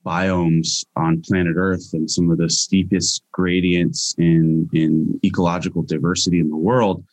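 A man's voice: low voice, no room sound. A young Hawaiian man answering interview questions casually as a guest scientist, with frequent restarts and fillers.

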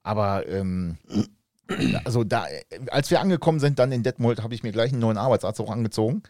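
A man in casual chat, telling a story about his apprentice days with animated delivery. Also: mid-range voice, fairly quick, no room sound, studio quality. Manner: animated storyteller, lively intonation.

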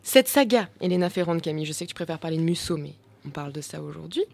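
A woman's voice: low-pitched, expressive, fast talker, gravelly, a little mellow. A young woman hosting a casual chat show, talkative, with lots of fillers and restarts. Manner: chatty, many fillers and restarts, laughs along. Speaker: radio show host.

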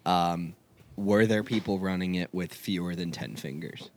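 A man co-hosts in loose, casual chat. His voice sits low, and he tells anecdotes candidly and haltingly with a crude sense of humor. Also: fairly even intonation, no room sound. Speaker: podcast co-host.

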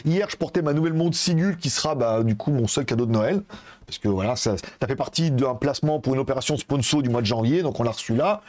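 A man's voice: mid-range voice, lively intonation, quick pace, darkish tone. A man hosting a tech news show, rambling in a casual way with many hesitations, laughs and swear words. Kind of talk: casual spoken commentary. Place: at home in Asia.

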